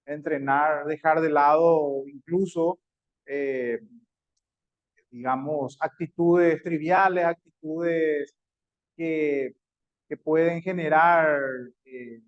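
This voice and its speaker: A high-voiced man gives a chatty online lecture, pausing on fillers and restarting his phrases. The audio is dull and lo-fi. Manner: conversational, with many fillers and restarts. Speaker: teacher.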